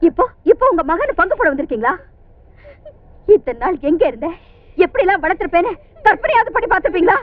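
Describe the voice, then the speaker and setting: A woman's voice: very high-pitched, big pitch swings, fast talker, pauses often. An actress playing a mother who bitterly accuses the father of her son. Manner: reproachful, accusing. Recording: tinny lo-fi film audio.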